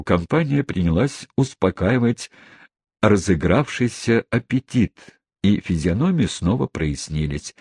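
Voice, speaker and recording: Deep, husky male audiobook narrator. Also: a little mellow, no room sound, studio quality. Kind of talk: scripted narration.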